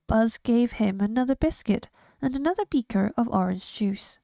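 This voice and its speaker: A woman reading a children's picture book aloud in a slow, clear storytelling manner. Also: a little high, lively intonation, dark tone, no room sound. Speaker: reader.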